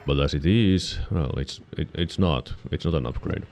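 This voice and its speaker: A man giving casual let's-play commentary, musing to himself with sudden excited yelps. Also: very deep voice, creaky, a little hiss or hum. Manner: musing, self-talking, quick excited yelps. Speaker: gaming channel host.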